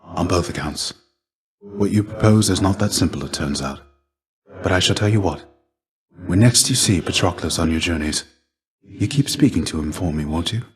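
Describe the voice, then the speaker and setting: In a video game, a man voices a gentle, melancholy shade of an ancient Greek warrior who serves as a mentor, speaking softly in a measured, formal way. His low-pitched voice stays close to everyday speech, with a tender, wistful mood.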